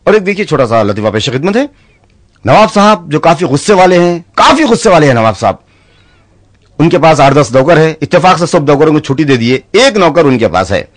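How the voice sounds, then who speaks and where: A man's voice: on the high side, very animated, a little fast, no room sound. A man telling short jokes on stage and switching into acted voices for his characters. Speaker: stand-up comedian.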